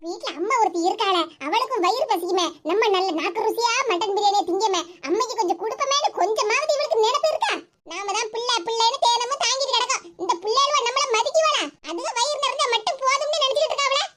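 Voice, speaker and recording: A woman's voice: extremely high pitch, fast. A woman voicing a bitter, self-pitying old village mother in a cartoon who scolds her daughter with sarcasm. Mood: grumbling. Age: older. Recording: loud background noise.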